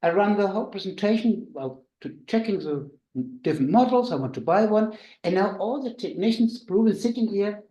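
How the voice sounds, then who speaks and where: A man's voice: high-pitched, animated, dark tone. German-accented man telling stories in an echoey hall. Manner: halting, anecdotal, dry humor. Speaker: missionary doctor giving a talk. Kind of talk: storytelling talk to an audience.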